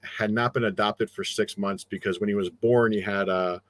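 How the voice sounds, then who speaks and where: A man's voice: fairly low pitch, fairly even intonation, moderate pace, fairly bright tone. A middle-aged man with a New Jersey accent, chatting casually as a guest and rambling with many fillers and restarts. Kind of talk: casual chat.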